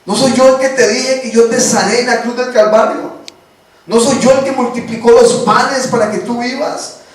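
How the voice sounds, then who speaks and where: A man's voice: extremely high pitch, steady tone, normal speed, pitched above the performer's own voice. A man preaching voices Jesus as commanding and reassuring, pressing one rhetorical question after another. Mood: insistent reassurance. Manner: insistent repeated rhetorical questions. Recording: very echoey room, voice from a distance.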